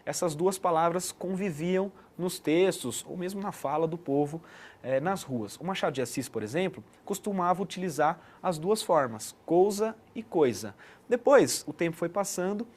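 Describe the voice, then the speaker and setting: A man's voice: a little high, animated, normal speed, a little mellow. A man giving an explanatory online lesson as a teacher, checking in with the listener often. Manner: didactic, frequent "né" tag questions.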